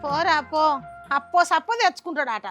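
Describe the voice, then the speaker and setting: A woman playing a shrill, scolding mother-in-law with a Telangana accent. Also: lively intonation, brisk. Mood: scheming. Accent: Telangana Telugu. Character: scheming harsh older mother-in-law. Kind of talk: village short film acting. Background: loud background music.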